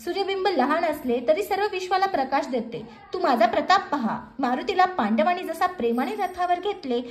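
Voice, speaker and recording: A woman's voice: very high-pitched, lively intonation, fairly quick, reverberant, pitched above the performer's own voice. A woman voicing a fearless male ascetic who answers firmly in a devotional story reading. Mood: defiant. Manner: firm, challenging. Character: bold male ascetic, young, fearless, defiant.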